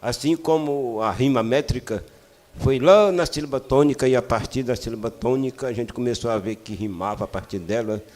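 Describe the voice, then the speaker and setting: A man's voice: mid-range voice, a little mellow. An older man from Piauí, Brazil, a cordel poet talking at a literary panel in a rambling, hesitant, joking way. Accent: Piauí Brazilian Portuguese. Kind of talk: casual panel talk.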